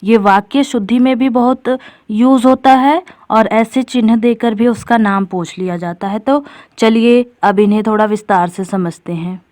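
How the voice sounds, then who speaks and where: Woman teacher doing an exam prep lesson, highish voice, dry close mic, walks you thru it step by step. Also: moderate pace, a little mellow, dry recording. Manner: explains step by step, addresses viewers as friends.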